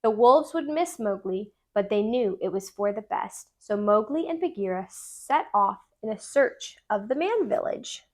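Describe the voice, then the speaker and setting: A tutor reads a children's storybook aloud in a mid-range voice. She narrates expressively and deliberately, like a practiced storyteller.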